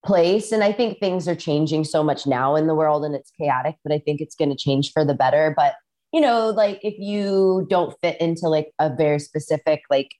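This woman, a Midwestern musician appearing as a guest, chats on a video call from a rural Iowa farmhouse. Her voice sits low and sounds warm, and her pace is normal. Her casual stories ramble, peppered with fillers and plenty of "like"s.

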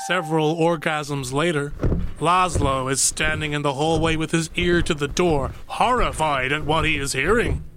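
An actor playing a vain, mock-serious narrator of a steamy comedy romance, melodramatic and pompous. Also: male voice, fairly high pitch, normal speed, close to an everyday voice.

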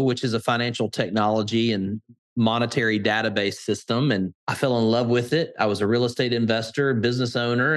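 A middle-aged man with an Alabama Southern accent, telling his story conversationally as an interview guest. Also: medium pitch. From Birmingham, Alabama. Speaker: podcast guest, entrepreneur and crypto investor.

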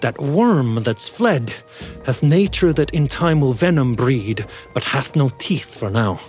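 A man's voice: mid-range voice, expressive, unhurried, a little mellow, faint music behind, natural voice. A man playing a guilt-haunted king, declaiming Shakespearean verse in swings between terror and bravado. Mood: commanding. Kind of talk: Shakespearean acting.

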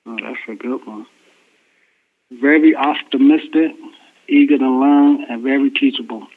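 A man speaking over the phone as an interview guest, giving soft-spoken, thoughtful, halting answers. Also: mid-range voice, a little hiss or hum. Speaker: interview guest, brewery crew chief. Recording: tinny phone line.

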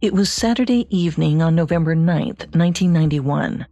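Husky woman narrating true crime. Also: low-pitched, fairly quick, dark tone, muffled recording. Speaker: podcast co-host.

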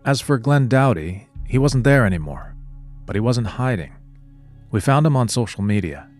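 A male podcast host reading scripted narration in a measured, serious way. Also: medium pitch, very animated, a little mellow, soft background music.

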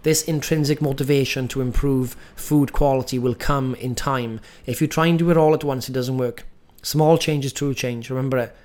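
A man's voice: medium pitch, fairly even intonation, normal speed, few pauses, darkish tone. A man, teaching a coaching lesson on food in a direct, emphatic way and often checking with "right?". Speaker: nutrition coach.

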